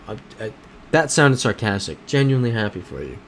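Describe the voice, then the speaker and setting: An American man live-streams a map-guessing game, chatting casually as he reads viewers' messages aloud and reasons through map clues. His voice is on the low side with big pitch swings, he talks fairly quickly, and there is slight background noise.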